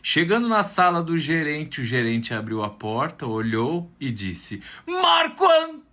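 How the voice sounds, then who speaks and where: A man with a Brazilian Portuguese accent, a camp storyteller telling a tale aloud in an animated way with tag questions. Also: medium pitch, measured pace. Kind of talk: oral storytelling.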